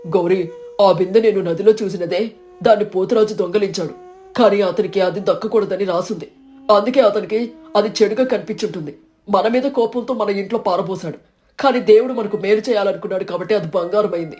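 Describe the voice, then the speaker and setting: A woman voicing a kind, humble poor village man in an animated storybook, speaking gently and earnestly. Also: medium pitch, brisk, natural voice. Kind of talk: storybook character voice.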